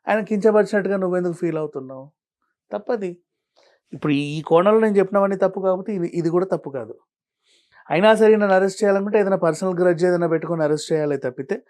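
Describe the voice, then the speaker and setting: A man's voice: high-pitched, a little mellow. Argumentative man firing rhetorical questions. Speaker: interview guest. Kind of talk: studio interview.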